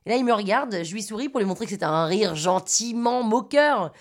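A woman's voice: mid-range voice, animated, brisk. Wry Parisian woman telling her story. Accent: Parisian French. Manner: wry, self-mocking, conversational. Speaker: podcast storyteller. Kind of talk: scripted personal narration.

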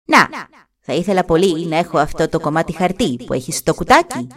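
A woman's voice: fairly high pitch, lively intonation, voice pushed up, natural voice. A woman voicing an invisible male servant spirit who speaks sweetly and coaxingly in a storybook reading.

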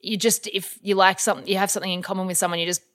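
A woman's voice: mid-range voice, fairly even intonation, rapid-fire, a bit bright. A young Australian woman chatting casually as an interview guest, with lots of ums and likes. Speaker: guest, model and influencer.

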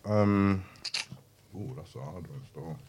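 Deep-voiced young London roadman. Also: takes it slowly, a little mellow, lo-fi sound, slight background noise. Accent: London roadman, urban slang. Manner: slangy, tags lines with "innit" and "still". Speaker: panel member on a group YouTube show. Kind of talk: casual group banter.

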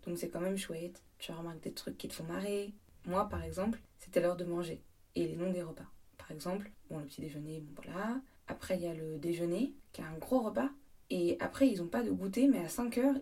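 Wry French woman, mellow husky voice. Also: on the low side, distant mic. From France. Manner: chatty and wry, with joking asides. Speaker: podcast host. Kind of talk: solo travel podcast monologue.

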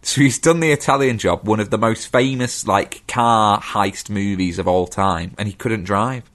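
Low-pitched guy, relaxed film trivia talk. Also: moderate pace. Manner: relaxed storyteller, shares trivia. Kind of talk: casual film chat.

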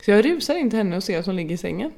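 A woman's voice: mid-range voice, sing-song, creaky, warm tone. A woman co-hosting a casual podcast, a chatty, giggly storyteller. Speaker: podcast co-host. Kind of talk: casual chat.

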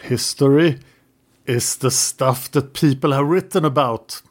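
A podcast host with a mid-range voice and measured pace leads a casual chat about history. He offers long explanations sprinkled with light teasing.

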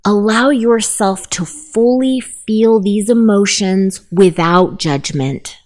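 A woman narrating a guided meditation, giving gentle, unhurried instructions. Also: mid-range voice.

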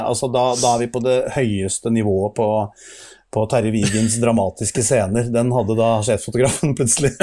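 A man's voice: mid-range voice, warm tone. A man telling a story in conversation, full of hesitant fillers, his voice climbing as the story builds. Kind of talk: animated anecdote in conversation.

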